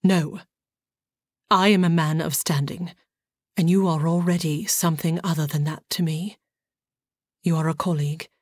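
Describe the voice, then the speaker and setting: A woman voicing a reserved, formal male nobleman who speaks quietly and with earnest, halting sincerity. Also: deep voice, fairly even intonation, slightly rough, no echo.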